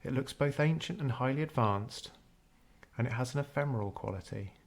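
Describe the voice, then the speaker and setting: In a measured, unhurried storytelling manner, a man narrates a scripted guided meditation. His voice sits at a medium pitch with some vocal fry.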